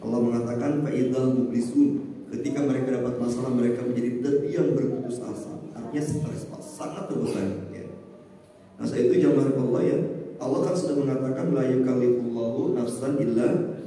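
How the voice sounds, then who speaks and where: A man's voice: mid-range voice, fairly even intonation, a little fast, mellow. A male ustadz preaching to a mosque congregation, telling stories and addressing listeners with frequent "Pak, ya" asides. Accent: Indonesian. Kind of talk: mosque study sermon. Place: mosque hall. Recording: echoey hall from far off, faint noise.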